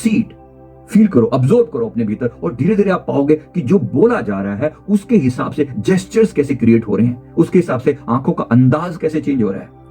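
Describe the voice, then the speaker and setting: An emphatic male life coach delivers a motivational lesson in a mellow, warm voice. He repeats key phrases and swings his pitch and pace up and down as he demonstrates. Soft music plays faintly under him. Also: sing-song, fairly quick. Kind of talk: motivational talk on communication skills.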